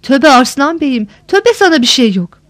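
A woman's voice: sits high, sing-song, normal speed, no room sound, clean studio sound. A woman voicing a frightened, beaten old male steward who pleads and rambles on. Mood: confused. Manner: whining, long-winded pleading.

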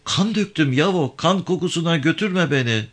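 A man's voice: a little high, animated, normal speed, pitched above the performer's own voice. A man reading aloud voices a distraught, guilt-ridden young woman who pleads while crying, in a raised, tearful voice. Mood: tearful pleading.

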